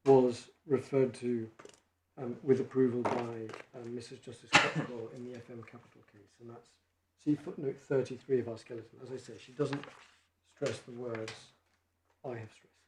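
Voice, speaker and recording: A barrister making a measured legal argument in court, reading quoted passages from judgments. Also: male voice, medium pitch, fairly even intonation. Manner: measured, reads quotations from case law. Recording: echoey courtroom, faint noise.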